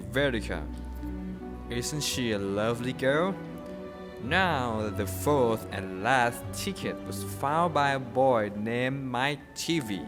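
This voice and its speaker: A Thai-accented man narrating and presenting characters in a student stage play, hesitant and full of uh fillers. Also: medium pitch.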